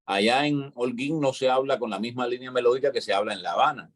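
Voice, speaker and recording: A man's voice: mid-range voice, quick pace. A man with a Cuban accent, talking in a casual show conversation and explaining at length, often checking in with "¿entiendes?". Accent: Cuban Spanish. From Cuba. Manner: lecturing, explanatory, peppers talk with "¿entiendes?".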